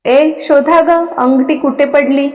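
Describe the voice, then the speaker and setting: A woman voicing a bossy, quick-tempered old grandmother who scolds and gives orders, recorded with long reverb. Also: high voice, steady tone, a little mellow. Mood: scolding. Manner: scolding, ordering others about.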